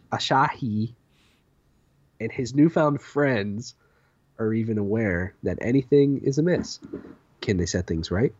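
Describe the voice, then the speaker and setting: A man's voice: medium pitch, a little mellow, breathy edge, muffled recording. A man co-hosting a casual gaming podcast, reading out game lists with stumbles and laughs. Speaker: podcast co-host.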